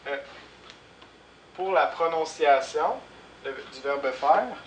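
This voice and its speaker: Québécois guy teaching french real slow, repeats stuff, echoey room, mic kinda far. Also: a little high, expressive. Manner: slow, deliberate, repeats words and spells them out. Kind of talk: slow classroom lesson. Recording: echoey room, voice from far off, clear background noise.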